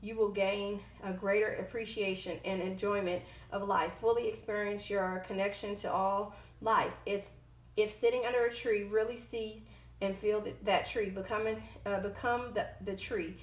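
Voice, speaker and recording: Speaking with fairly even intonation and a medium pitch, a woman who hosts as a tarot reader gives a casual oracle card reading in an echoing, spacious room. Her delivery is halting as she alternates between reading text and improvising, often tripping on words and fixing them.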